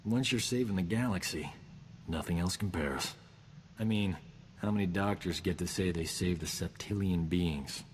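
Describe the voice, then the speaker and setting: A man's voice: low-pitched, moderate pace, long reverb tail, slight background noise, natural voice. A man playing a cocky, vain space doctor. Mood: wry. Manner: cocky, self-important, wisecracking. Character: boastful roguish male doctor, vain and flippant. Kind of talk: video game character dialogue.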